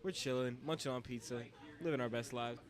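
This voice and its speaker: A man's voice: medium pitch, a little fast. A man hosting and commentating a live stream, laid-back and joking as he rambles. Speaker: host and commentator. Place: glassblowing studio with people around.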